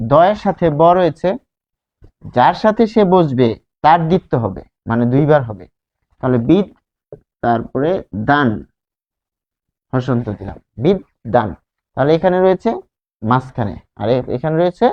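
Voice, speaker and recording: A male teacher giving a grammar lesson who explains slowly, repeats key words and asks the class questions. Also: a little high. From Bangladesh. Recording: dull lo-fi sound.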